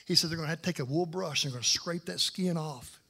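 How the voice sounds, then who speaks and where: High-voiced man, middle-aged, guest preacher, animated sermon, loud bursts and hushed lines. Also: fast talker, vocal fry. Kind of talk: sermon with personal storytelling.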